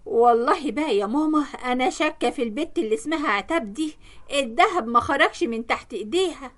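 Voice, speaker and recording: A woman's voice: high-pitched, expressive, fast talker. A woman voicing a spiteful, quarrelsome young sister-in-law who talks angrily. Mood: plotting. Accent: Egyptian Arabic. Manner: angry, shouting.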